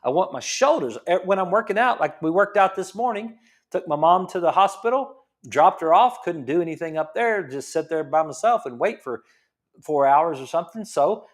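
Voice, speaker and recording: A man's voice: high-pitched, animated, moderate pace. A man in his fifties, a chiropractor, giving a casual health talk that explains things, repeats points and asks rhetorical questions. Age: 50s. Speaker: chiropractor host.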